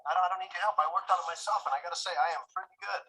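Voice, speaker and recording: A man's voice: sits high, racing, sharp tone, breathy edge, full character voice. Joey, a dim, confident guy. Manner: cheerfully confident, mangles French. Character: dim, cheerful young man, confident actor. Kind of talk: sitcom acting.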